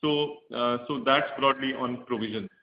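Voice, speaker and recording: A man speaks on speakerphone from an echoey conference room, and the audio comes through dull and muffled. He is a bank executive explaining figures to analysts on a call. He talks in a measured way, with many fillers and restarts. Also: mid-range voice, fairly even intonation.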